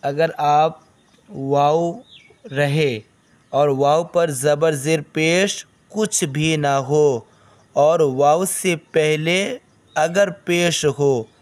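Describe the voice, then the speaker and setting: A man's voice: fairly high pitch, very slow. A man teaching a beginners' recitation lesson. He explains step by step, asks his own questions and answers them, and drawls the long vowels as he recites. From South Asia.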